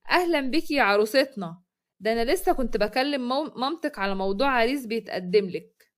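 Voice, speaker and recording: A woman's voice: on the high side, lively intonation, quick pace, close to an everyday voice. A woman with an Egyptian accent voicing a pushy, cheerful neighbor who insists on matchmaking. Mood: insistent.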